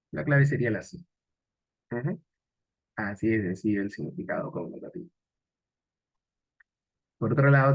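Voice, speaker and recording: A man's voice: lowish voice, gravelly, a little mellow, husky. A man who teaches language and walks through exam answers, explaining step by step and often adding rhetorical asides. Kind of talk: exam solution walkthrough. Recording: dull lo-fi recording.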